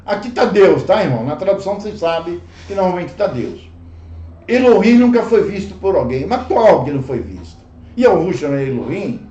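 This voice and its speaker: A Brazilian man teaching a livestreamed Bible study, slow and emphatic, repeating phrases and calling listeners brothers. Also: sits high, very animated, warm tone. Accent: Brazilian Portuguese. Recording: echoey room, dull lo-fi sound.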